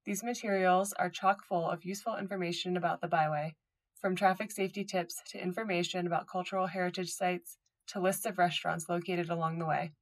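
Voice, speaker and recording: A woman's voice: on the low side, steady tone, brisk. A woman narrator reading an informational article aloud in a scripted style.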